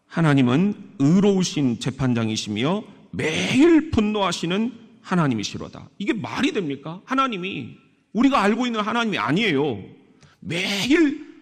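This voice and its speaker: Korean pastor guy preaching slow and lively, bit high voice, big church echo. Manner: animated, asks the congregation questions. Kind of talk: sermon. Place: church sanctuary. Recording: echoey church hall.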